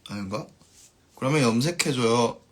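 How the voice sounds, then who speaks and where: On his live stream, this male band musician talks casually and reads out comments from viewers, letting each sentence trail off gently. He speaks at medium pitch with lively intonation and a normal speed.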